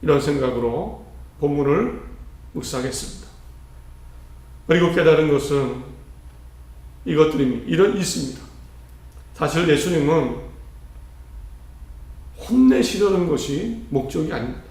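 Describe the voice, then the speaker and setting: A man's voice: on the high side, expressive, moderate pace, long pauses, darkish tone. A male pastor delivering an earnest sermon, asking rhetorical questions and shifting his emphasis often. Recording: heavy church reverb.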